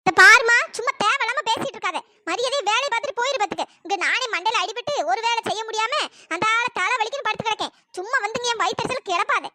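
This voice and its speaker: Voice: very high-pitched, fast talker, hardly any pauses, very noisy. A performer voicing a scornful, bossy middle-aged mother-in-law in a cartoon story. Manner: sneering, bossy.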